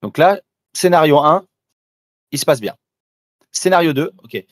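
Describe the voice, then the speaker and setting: Unhurried yet animated, a fairly high-voiced trader talks the listener through a live trading demo in an informal way, restarting often. The studio-quality recording carries no room sound.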